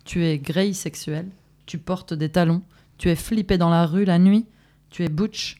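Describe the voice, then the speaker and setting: A woman with a fairly low voice reads a text aloud on community radio. She takes it slowly and evenly, one line after another, like an activist guest. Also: fairly even intonation, warm tone. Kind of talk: casual radio chat and reading a text aloud.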